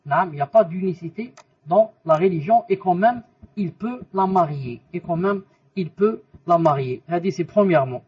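Man, religious teacher: husky, high voice, mixes Arabic terms into the lesson, muffled recording from a distance. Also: lively intonation, normal speed. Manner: explains by asking questions and repeating answers.

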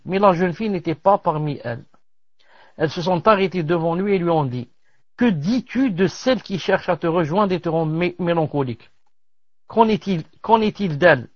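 A man teaching as he reads aloud from a classical religious text, pausing to comment and dropping in Arabic religious terms. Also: on the high side, dry recording. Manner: measured reading with pauses and Arabic religious terms. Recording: dull lo-fi dry recording.

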